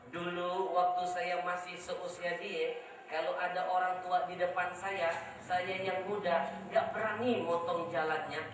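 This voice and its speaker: A man preaching a sermon at a religious gathering. He is lively and joking, and he often asks the crowd for agreement. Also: high voice, recorded from a distance. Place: large outdoor religious gathering. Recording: echoey sound system heard from afar, with noise.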